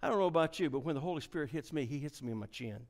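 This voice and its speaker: A middle-aged man delivers a revival sermon full of folksy stories, dropping to hushed near-whispers and then building to shouted climaxes. His voice runs on the high side, with lively intonation and a racing pace.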